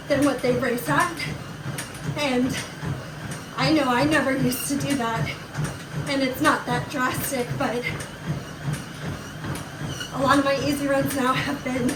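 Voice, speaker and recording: A woman coaching casually and encouragingly while running on a treadmill, talking to viewers as she goes. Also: high-pitched. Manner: encouraging, reassuring. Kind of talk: casual workout talk to viewers. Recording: roomy, distant mic with loud machine noise.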